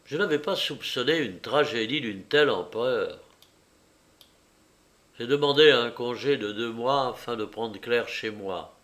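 A man reading a novel aloud as an audiobook narrator, in a measured, deliberate manner. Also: mid-range voice, a bit bright.

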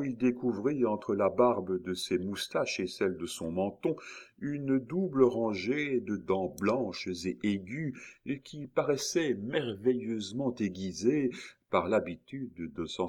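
A man narrating a classic novel in a measured reading with occasional hesitant fillers. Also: fairly low pitch, animated, a little mellow. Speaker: audiobook narrator.

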